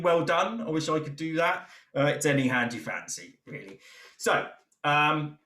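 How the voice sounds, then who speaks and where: Relaxed man teaching djembe. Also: fairly high pitch. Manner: relaxed, encouraging, counts drum strokes aloud. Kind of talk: online percussion lesson. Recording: roomy sound with loud drumming. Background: djembe drumming.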